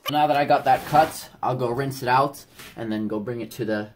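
Around a backyard tub and a workshop, a man presents a DIY how-to video, walking through the job step by step in a plain-spoken, informal way. His voice is medium in pitch at a normal speed, captured on a handheld camera with background noise.

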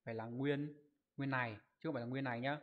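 A man leads an online Japanese exam review, explaining each answer step by step. He keeps checking in with his students through rhetorical questions. His voice sits at a middle pitch, and he rattles off the viewers' answers in quick lists. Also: fairly even intonation, highs cut off. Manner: reads out viewers' comment answers in a quick list. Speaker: Japanese language teacher.

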